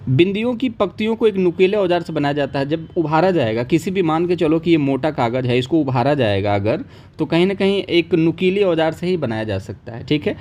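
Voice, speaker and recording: A man's voice: on the high side, darkish tone. Chatty man teaching an exam lesson. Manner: chatty, repeats "ठीक है" often. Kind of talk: casual online lesson.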